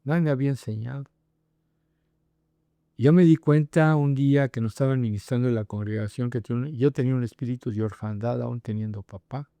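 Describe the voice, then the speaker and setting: A man's voice: medium pitch, a little fast, warm tone, no room sound. A middle-aged male pastor, preaching and praying with fervent emphasis. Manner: earnest, fervent, with rising prayerful emphasis. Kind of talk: sermon and prayer.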